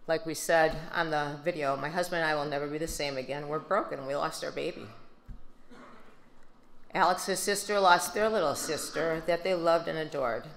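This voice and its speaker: An older woman with a Midwestern American accent, giving a steady, subdued prepared speech at a podium into a handheld mic. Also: low voice, normal speed, a little hiss or hum. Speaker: grieving mother giving a speech. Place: large banquet hall. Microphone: handheld microphone. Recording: echoey banquet hall.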